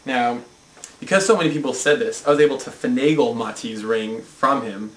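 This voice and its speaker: A young man hosting a comedic cartoon review, talking in an excited, mock-indignant way. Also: mid-range voice, moderate pace, roomy sound, a little hiss or hum, rough recording.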